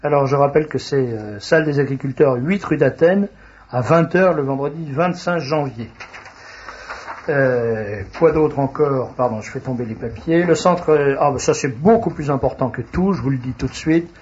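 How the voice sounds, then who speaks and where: Husky-voiced man hosting a radio talk show. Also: medium pitch, a little mellow. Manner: halting, frequent hesitations. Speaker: radio host. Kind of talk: radio talk and read announcements. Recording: dull lo-fi radio recording.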